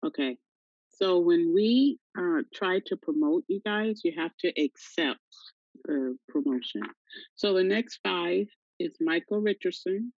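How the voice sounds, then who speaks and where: Slow matter-of-fact woman reading speaker names. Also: on the low side, no room sound, dull audio. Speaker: meeting staff managing speakers. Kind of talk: procedural announcements.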